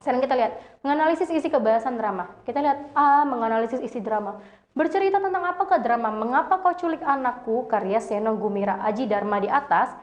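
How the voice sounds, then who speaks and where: A woman's voice: a little high, fast talker. A woman reading a lesson aloud, with frequent slips and self-corrections. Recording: dull lo-fi recording.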